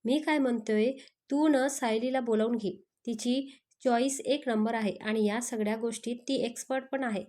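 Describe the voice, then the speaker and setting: A woman's voice: on the high side, steady tone, normal speed, hardly any pauses, warm tone, natural voice. A woman voicing a mocking young male friend.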